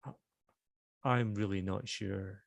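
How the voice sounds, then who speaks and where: A man's voice: on the low side, steady tone, takes it slowly, vocal fry, no echo, lo-fi sound. A man with a Scottish accent reading the lines of a hapless young farm boy, wary and unsure of himself.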